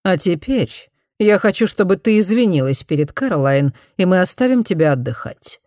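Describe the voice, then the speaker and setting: Woman doing a prim disapproving lady of the house, slow and stern, storybook reading, dry. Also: fairly low pitch, expressive, darkish tone, dry recording, voice pushed up, lightly acted. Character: stern aristocratic middle-aged mother, prim and disapproving.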